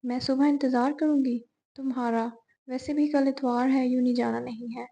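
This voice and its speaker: Woman reader as young heroine; soft, caring, low-key gravelly delivery. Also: steady tone, normal speed, lo-fi sound.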